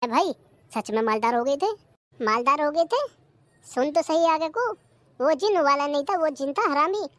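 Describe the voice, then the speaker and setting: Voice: high voice, animated, moderate pace, long pauses, a bit bright, no room sound. A voice actor playing a boastful young villager who tells a tall tale about his grandfather in a comedy cartoon. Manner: bragging storyteller.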